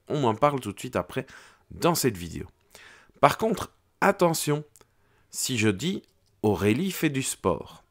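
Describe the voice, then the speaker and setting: A man teaching a French grammar lesson to children, explaining slowly and clearly and acting out the intonation of his example sentences. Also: fairly low pitch.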